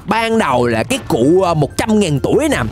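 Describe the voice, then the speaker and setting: A woman giving excited, playful Minecraft gameplay commentary, laughing often and rapidly repeating words. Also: fairly low pitch, faint music behind. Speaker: gaming channel host.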